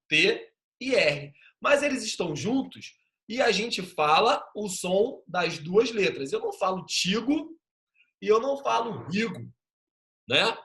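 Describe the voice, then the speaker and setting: A man's voice: high-pitched, a bit bright. A male teacher giving an online class over a video call, patiently sounding out letters and syllables. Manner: patient, drawn-out spelling of sounds.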